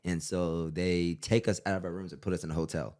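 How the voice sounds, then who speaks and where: Deep-voiced man telling stories casually. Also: fairly quick. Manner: animated storyteller, swears freely. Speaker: podcast co-host. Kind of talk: casual chat.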